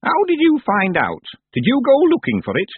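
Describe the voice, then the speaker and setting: A man voicing a stern, sharp-tongued, blind old witch woman in a loud, high, commanding voice. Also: huge pitch swings, moderate pace, a little hiss or hum. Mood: probing. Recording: husky, dry, phone-like lo-fi audio.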